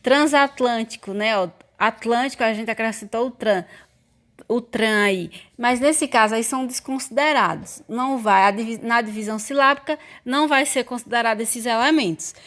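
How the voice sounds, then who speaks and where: A woman teacher with a Brazilian Portuguese accent gives a recorded school lesson. Her voice sits a little high, and she explains each point slowly and patiently. She keeps pointing out examples to her students as she goes. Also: fairly bright tone.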